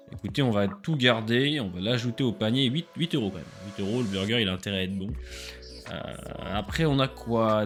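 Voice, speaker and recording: A man, tired from a late night, chatting casually on camera as he orders and tastes takeaway food. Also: medium pitch. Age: late 20s. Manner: chatty, animated, self-mocking. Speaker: food reviewer. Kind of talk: casual food-tasting vlog. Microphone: webcam.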